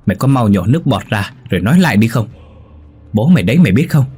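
A man voicing a furious young mother who hisses rapid scolding at her daughter. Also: medium pitch, sing-song, darkish tone, husky, voice pushed up.

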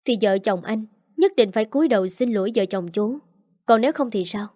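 A woman reading the part of a calm, confident young husband. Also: on the high side, brisk, dry recording, clean studio sound. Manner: calm, assured.

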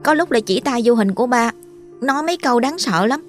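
A woman's voice: fairly high pitch, expressive, quick pace, soft background music, pitched above the performer's own voice, natural voice. Woman doing a scared stammering little boy. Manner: stammering, repeating words. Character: frightened young boy.

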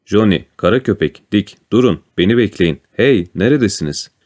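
Man voicing blind old pirate, vicious, shouting, cursing, very low voice, storybook. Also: fairly quick, lightly acted. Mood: panicked.

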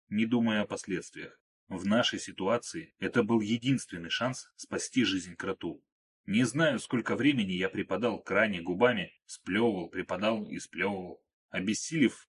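A man narrating an audiobook in the first person, in a calm, low-keyed way. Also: slightly rough.

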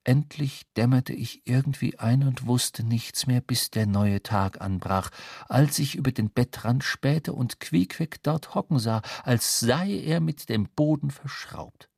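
An actor playing a young sailor who narrates his own story in measured, scripted radio drama narration. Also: medium pitch, gravelly, a little mellow, breathy edge, dry recording, clean studio sound.

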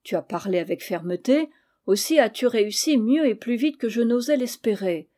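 A calm, reassuring uncle, gently firm and patient, as a woman reads him aloud. The voice is mellow and warm, and the delivery stays even in a storybook reading. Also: a little high, normal speed, close to an everyday voice. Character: kind, wise middle-aged uncle, a steady comforter. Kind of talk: audiobook reading of a classic novel.

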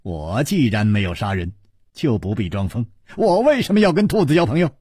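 A man's voice: medium pitch, sing-song, a little fast, a little mellow, husky, no room sound, studio quality. Man doing a cool, amused young swordsman. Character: suave, calm young male hero, mocking and clever.

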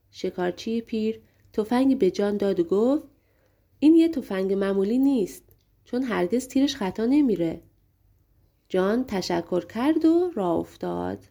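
A woman narrating a fairy tale audiobook in a lively, colloquial storytelling manner. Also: mid-range voice.

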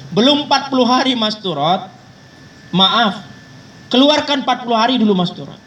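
In a mosque hall, a male preacher with a high, slightly bright voice delivers a folksy, joking sermon, teasing his listeners directly. It's captured on a distant mic with faint traffic noise.

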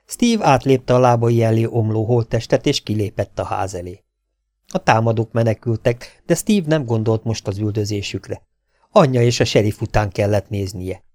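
A man narrating a western adventure audiobook in a steady, even storytelling manner. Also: on the low side, no echo. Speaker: audiobook reader. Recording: dry home audiobook recording.

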